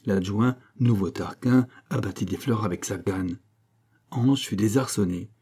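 An audiobook reader with a husky, low male voice narrates a classic novel from a script. His storytelling is measured and expressive.

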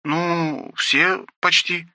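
A man voicing a weary female maid with a rough, scratchy voice in an audiobook. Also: sits high, moderate pace, pushed and bright, dry recording, studio quality, pitched above the performer's own voice.

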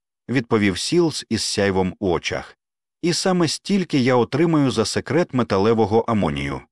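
A man's voice: mid-range voice, no echo, studio quality. A man reading a story aloud as an audiobook narrator, voicing every character himself. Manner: reads every character in his own voice, lively intonation. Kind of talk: scripted narration.

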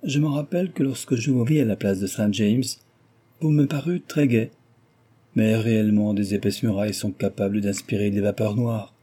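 A man's voice: on the low side, moderate pace, mellow, slightly rough. A man reading aloud, voicing a frivolous, gossiping young aristocratic lady who talks flippantly and teases. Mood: flippant chatter. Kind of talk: audiobook character reading.

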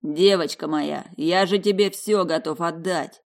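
A woman voicing a brutish, threatening heavy older man who drags his bellowed threats out slowly in a storybook reading. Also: fairly low pitch, gravelly. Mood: leering. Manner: slow, drawn-out bellowing threats.

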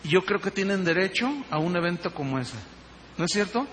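A man preaching a sermon as pastor, telling stories in an animated way and acting out the dialogue. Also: sits high, fairly quick. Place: church hall. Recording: reverberant hall with faint noise.

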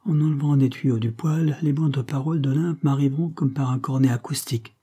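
Suave sly gentleman detective voiced by a guy, smooth talker, dark husky tone. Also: mid-range voice, brisk, pitched above the performer's own voice, natural voice. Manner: suave, persuasive, mock-naive. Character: smooth scheming middle-aged police poet. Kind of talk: audiobook character voice.

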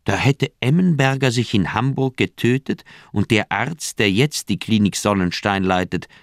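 An actor playing a flustered doctor in a radio play, fretful and exasperated. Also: male voice, fairly low pitch, normal speed, no room sound, clean studio sound, close to an everyday voice. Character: anxious middle-aged male doctor, flustered friend.

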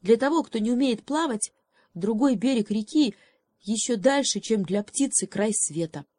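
A woman's voice: fairly high pitch, expressive, normal speed, mellow, no room sound, clean studio sound, voice pushed up. A woman voicing a blunt, sensible hedgehog who speaks matter-of-factly.

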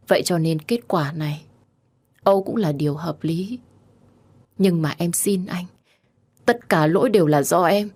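A woman voicing a wronged young wife who pleads through tears, her voice climbing in shrill, tearful outbursts. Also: a little mellow, breathy edge. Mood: bitter pleading. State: crying.

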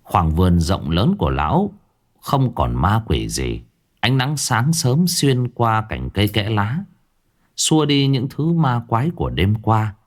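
A man narrating a ghost story in a slow, dramatic storyteller's delivery, drawing out sound words. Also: on the low side, very animated. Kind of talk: scripted horror story narration.

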